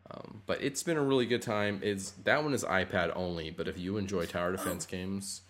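A man's voice: sits low, a little fast, a bit bright. A man hosting a podcast, chatting casually about games from a slightly echoey room at home. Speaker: podcast host. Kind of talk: casual gaming podcast chat.

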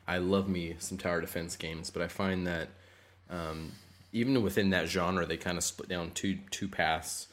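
A man's voice: sits low, a bit bright. A man hosting a podcast, chatting casually about games from a slightly echoey room at home. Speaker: podcast host. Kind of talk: casual gaming podcast chat.

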